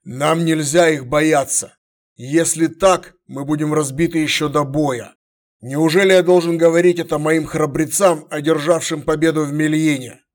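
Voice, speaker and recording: A man's voice: a little high, fairly even intonation, natural voice. A man playing a stern commanding emperor. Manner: curt, commanding, measured orders. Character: stern, commanding middle-aged male emperor.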